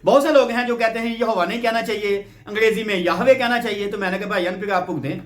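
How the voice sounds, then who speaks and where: A man from Pakistan giving a Bible teaching lecture, explaining step by step and checking in with rhetorical questions. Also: high voice. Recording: roomy echo.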